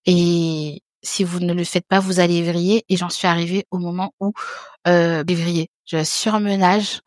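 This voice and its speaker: A woman in her thirties guests on a podcast, talking frankly and casually, often repeating words and restarting sentences. Her voice is lowish and flat at a moderate pace, recorded cleanly in a studio with no echo.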